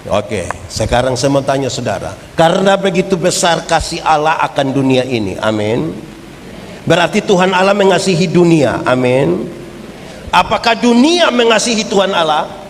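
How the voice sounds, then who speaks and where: A man's voice: fairly high pitch, moderate pace. A man preaching a humorous sermon as pastor, putting questions to the congregation. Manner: lively preaching, jokes, asks the congregation questions. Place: church hall. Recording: reverberant church hall, faint background noise.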